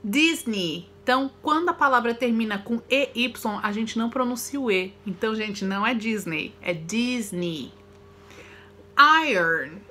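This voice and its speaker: With a little hiss or hum in the recording, a woman speaks in a fairly high, bright and forceful voice. Her Brazilian Portuguese accent comes through as she teaches English words and pronunciation online, drilling each one slowly with repeated examples.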